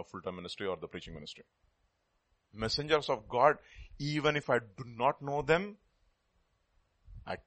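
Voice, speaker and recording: A man's voice: mid-range voice, a bit bright. A man with a South Indian Telugu accent preaching a sermon in a teacherly way, repeating key words for emphasis and putting questions to his listeners.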